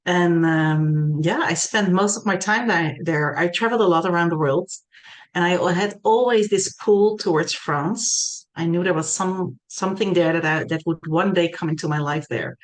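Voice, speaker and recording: A woman's voice: fairly low pitch, normal speed, low-quality recording. A woman from the Netherlands, a native Dutch speaker, answering as an interview guest, reflective, with hesitant restarts. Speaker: guest, school co-founder.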